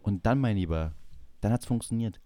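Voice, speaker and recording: A young podcast co-host with a lowish voice and normal speed tells a long personal story in casual conversation. He's an animated storyteller, acting out the voices and quoted dialogue of the people involved.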